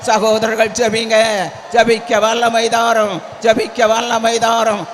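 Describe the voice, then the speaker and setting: Speaking with a Tamil accent, this pastor preaches slowly in a high, completely flat voice, his repetitive pleading growing into shouted congregational prayer. His sermon echoes with a long reverb through a church prayer hall, over faint ambient hum and some background chatter.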